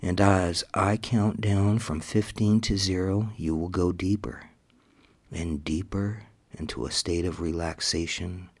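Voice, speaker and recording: A man narrating a scripted hypnotic induction, slow and repetitive, giving commands and dropping into soft whispers. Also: low-pitched, fairly even intonation, husky.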